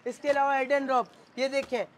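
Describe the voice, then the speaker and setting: A man with a Pakistani accent working as a shop salesman, giving an insistent, repetitive hard-sell pitch on goods and discount prices. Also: flat delivery, moderate pace. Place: clothing shop.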